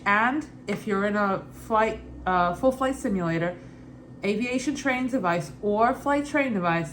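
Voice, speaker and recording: Woman with Brooklyn accent, noisy background. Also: medium pitch. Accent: Brooklyn, put on loosely and unevenly. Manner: conversational, repeats and rephrases, thinking aloud. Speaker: pilot studying aloud. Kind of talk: informal read-aloud of study questions and answers. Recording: clearly noisy ambient background.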